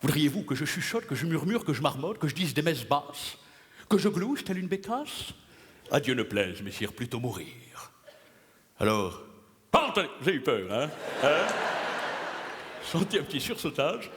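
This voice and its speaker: A man playing a boastful, pompous male playwright who declaims loudly and theatrically on stage. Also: sing-song, moderate pace. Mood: grandiloquent. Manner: booming theatrical declamation, swings from shrill to low mutter. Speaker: stage comedian. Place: live stage in a theater hall. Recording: echoey hall, loud crowd and noise.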